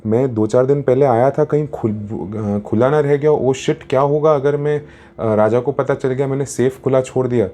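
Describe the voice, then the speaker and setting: A man voicing a panicked male royal minister in a storybook tale, talking in a flustered, stammering way, pitched a little above his own voice. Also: moderate pace, dark tone, lightly acted.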